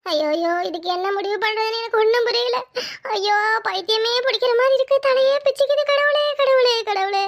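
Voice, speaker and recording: Brief: a high, bright voice doing a panicky scheming sister-in-law, wailing, talking to herself. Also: quick pace, few pauses, lo-fi sound. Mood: frantic. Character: anxious young sister-in-law, scheming and frantic. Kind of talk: Tamil family drama voiceover.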